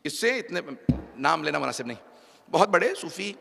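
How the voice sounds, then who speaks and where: A man's voice: on the high side, lively intonation, brisk, gravelly, pushed and bright. A male preacher telling a story in a sermon, dramatic and acting out the dialogue, heard with long hall reverb. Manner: dramatic orator who acts out the story's dialogue. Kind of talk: Urdu religious sermon storytelling.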